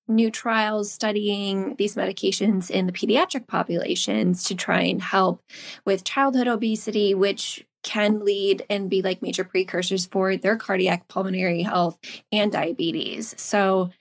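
A woman's voice: mid-range voice, creaky. A woman hosting a casual podcast, asking long, rambling questions with fillers. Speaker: podcast host.

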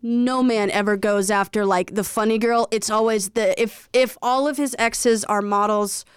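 Smooth-voiced chatty woman podcaster. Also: medium pitch, moderate pace, no room sound, clean studio sound. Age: late 20s. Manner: animated, rambling, frequent "like" fillers. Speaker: podcast co-host. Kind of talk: casual chat.

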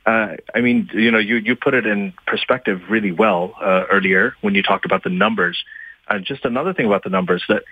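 A man speaks in a low, husky voice through a tinny, narrow phone line. He talks haltingly and thoughtfully, restarting his sentences and filling the gaps with uh and um. The call sounds dry and close. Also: no room sound. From Pakistan, Libya and Saudi Arabia. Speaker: guest author. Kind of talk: phone-in interview.

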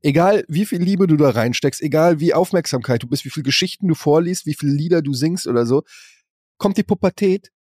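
A man's voice: fairly high pitch, lively intonation, brisk, a little mellow, no echo, studio quality. A man in his forties, a podcast co-host, chatting casually in a crude, ranting way and acting out the voices he quotes. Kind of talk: casual chat.

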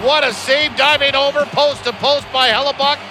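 High-pitched rapid hockey play-by-play man. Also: music in the background. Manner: excited, shouting on big plays.

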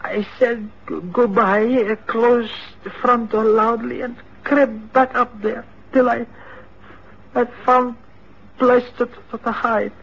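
A terrified, stammering fugitive. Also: male voice, extremely high pitch, little pitch movement, slow, full character voice. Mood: frightened. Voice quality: breathy, stammering. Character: frail terrified Neapolitan man in hiding. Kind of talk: radio drama acting. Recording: muffled radio drama recording.

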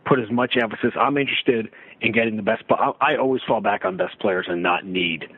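Brisk and husky, a middle-aged man with a lowish voice breaks down basketball as a sports radio guest, speaking emphatically and conversationally and leaning on rhetorical questions. There's no room sound, but the audio is slightly muffled with a narrow, radio-like band.

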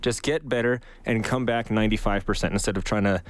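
A man's voice: lowish voice, steady tone, quick pace. A man co-hosting a talk radio show, speaking earnestly and emphatically in a conversational way. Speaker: radio co-host. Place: broadcast studio.

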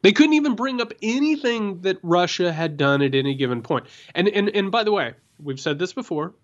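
Animated male political podcaster. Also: on the high side, lo-fi sound. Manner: animated, repeats words when building a point. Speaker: podcast co-host. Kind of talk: political commentary chat.

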